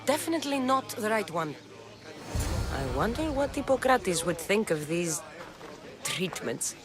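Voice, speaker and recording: An actress voices a determined young Greek warrior woman in video game dialogue, sounding blunt, impatient, dryly wry and skeptical. Her medium-pitched voice is very animated and a little slow, with music playing under the lines.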